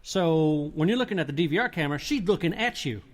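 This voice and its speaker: In a casual podcast interview, a paranormal investigator talks fast in a slightly high voice about his experiences. His account rambles with frequent restarts and an animated retelling style.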